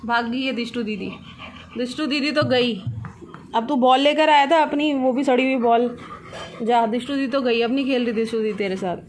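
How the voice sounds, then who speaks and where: A woman's voice: fairly high pitch, moderate pace, a little hiss or hum. A woman vlogging casually at home, chatting to the camera and teasing her pet dog in a playful sing-song way. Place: at home indoors.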